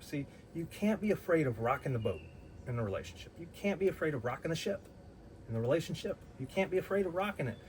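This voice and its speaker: A man's voice: on the high side, a little hiss or hum, rough recording. A man telling a personal story in a blunt, heated way, swearing freely and often restarting his sentences. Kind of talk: casual storytelling.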